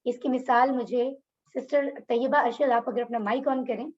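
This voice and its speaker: Woman teacher with a high voice, explains step by step and quizzes the class, dull lo-fi call audio. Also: steady tone, moderate pace, a little mellow. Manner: explanatory, asks the class questions. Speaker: Quran teacher. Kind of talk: online class lecture. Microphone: video call.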